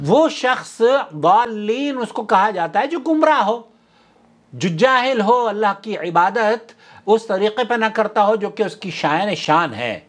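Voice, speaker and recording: A man's voice: high-pitched, expressive. A man giving a religious lecture, explaining earnestly to brothers and sisters. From South Asia. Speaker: Islamic preacher.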